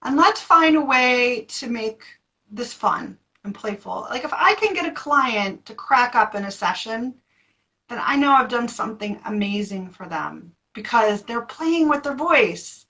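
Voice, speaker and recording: An American woman, a voice therapist, answering interview questions in a playful, animated way. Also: a little high, measured pace, poor audio.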